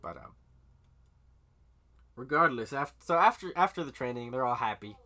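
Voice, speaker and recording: A man's voice: mid-range voice, lively intonation, moderate pace, bright, forceful tone. A man chatting casually about a manga arc, swearing freely, laughing often and acting out the characters' lines. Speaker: podcast co-host. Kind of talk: casual chat recapping manga.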